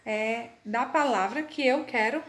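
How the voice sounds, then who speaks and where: A woman teaching a recorded class to children, speaking slowly and carefully, spelling words out letter by letter and calling her pupils dear. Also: a little high, a bit bright. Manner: affectionate toward pupils. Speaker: primary school teacher. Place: room with a board. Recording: echoey room.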